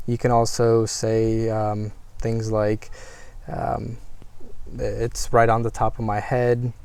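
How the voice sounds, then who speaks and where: American guy chatting, lots of ums, smooth warm voice. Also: fairly low pitch, completely flat delivery, slow. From United States. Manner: hesitant, many ums and restarts. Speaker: guest. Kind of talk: casual conversation.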